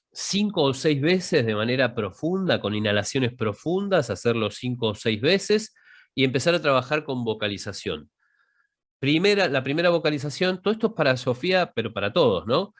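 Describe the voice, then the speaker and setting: A man's voice: mid-range voice, very animated, normal speed. A man teaching an online public speaking class, explaining breathing and demonstrating vowel exercises over a video call. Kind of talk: online masterclass with vocal demonstrations.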